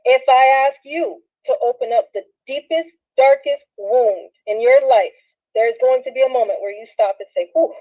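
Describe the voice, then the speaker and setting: A woman's voice: sits high, moderate pace, mellow. A woman in her thirties from Southern California, talking straight to viewers in a rambling, slangy monologue while shaky and laughing through tears. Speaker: vlogger. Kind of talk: emotional direct-to-camera monologue. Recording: dull lo-fi phone audio.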